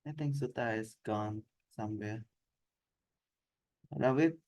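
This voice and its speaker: A teacher on a video call, giving soft, brief prompts to a student. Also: mid-range voice, slow. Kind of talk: online tutoring.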